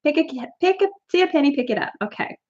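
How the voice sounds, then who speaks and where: A woman's voice: high voice, expressive, fast talker, darkish tone. A woman from Canada hosting a casual live-stream snack tasting, chatty and giggly as she talks to her viewers. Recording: slightly dull lo-fi stream audio.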